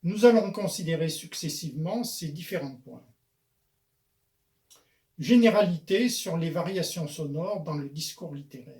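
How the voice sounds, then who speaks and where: Measured man explaining verse, dark voice. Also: on the high side, animated. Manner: measured, explanatory, with frequent hesitation fillers. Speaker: poetry lecturer and author-declaimer. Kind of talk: spoken lesson on verse.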